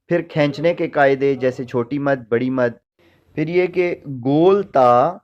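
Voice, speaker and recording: Mellow-voiced man teaching recitation slowly. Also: mid-range voice. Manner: patient, spells out syllables and draws vowels out long. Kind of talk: spoken recitation lesson. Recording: dull lo-fi recording.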